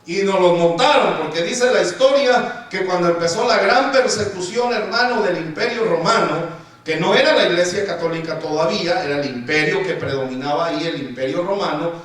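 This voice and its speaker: The echo of a church hall, heard from afar, surrounds a man's sermon as he calls out to his brothers and plays out congregants' complaints. His voice is high and a bit bright, at a normal pace.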